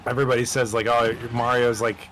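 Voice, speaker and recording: A man's voice: medium pitch, little pitch movement, fast talker, a bit bright, a little hiss or hum. A man playing a video game with a friend, chatting and joking playfully. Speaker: guest gamer. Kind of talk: casual gaming chat.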